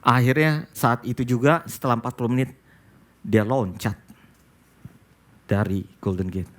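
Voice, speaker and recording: A male pastor preaching a sermon, telling a story with dramatic swings between hushed lines and emphatic outbursts. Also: medium pitch, lively intonation, measured pace. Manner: storytelling sermon, addresses listeners as "saudara", mixes in English quotes.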